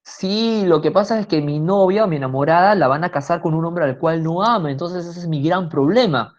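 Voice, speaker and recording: A woman's voice: fairly low pitch, fairly quick, darkish tone, lightly acted. A woman voicing a desperate, lovesick young man who pleads in a slightly raised voice, in a dull lo-fi recording. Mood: despairing.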